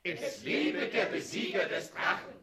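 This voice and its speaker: An actor among a group of townsfolk in a radio play, chanting praise with forced, rote enthusiasm. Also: male voice, very high voice, expressive, measured pace. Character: chanting male townsfolk hailing their ruler. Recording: echoey room full of crowd voices.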